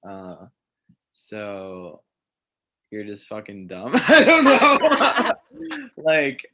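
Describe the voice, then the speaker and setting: A man puts on a brash young bro who talks slow and crude, and his pitch swings all over as he mocks and insults in casual slang. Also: animated, background noise. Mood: mocking.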